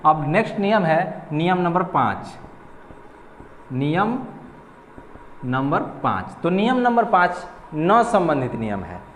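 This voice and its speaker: A male teacher giving a slow board lesson on grammar, repeating and spelling out each syllable. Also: on the high side, big pitch swings, slight background noise. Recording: echoey room with long reverb.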